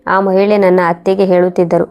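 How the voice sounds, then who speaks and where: A woman narrating a first-person moral story in a steady, even reading voice. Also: on the low side, fairly quick.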